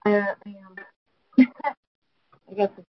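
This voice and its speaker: A woman speaking on a conference call as a college panelist, hesitant and halting, her voice faint and muffled because the phone mic is held away from her mouth. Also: medium pitch, flat delivery, husky, faint music behind. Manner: hesitant, halting, with many fillers. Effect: faint, muffled phone audio with the mic held away from her mouth. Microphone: phone headset.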